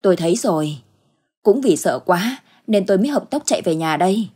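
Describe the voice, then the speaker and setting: A woman voicing a frightened elderly village husband in a ghost story, with a husky voice and an anxious, pleading way of talking. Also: mid-range voice, animated, fairly quick, warm tone. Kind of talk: storybook ghost tale acting.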